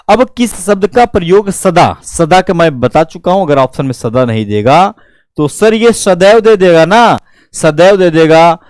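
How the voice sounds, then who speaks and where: A man's voice: on the high side, smooth, no echo. A young man with a north Indian Hindi accent teaching an exam-prep grammar lesson, full of rhetorical questions and imagined student replies. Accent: Hindi-speaking north Indian. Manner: explains with many rhetorical questions and student asides.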